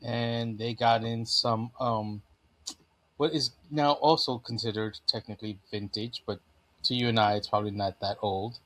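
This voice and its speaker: A man's voice: medium pitch, steady tone, moderate pace, fairly bright tone. Easygoing man with a phlegmy throat. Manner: easygoing, chatty, frequent fillers. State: phlegmy throat, clearing it often. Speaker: podcast host. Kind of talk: casual chat.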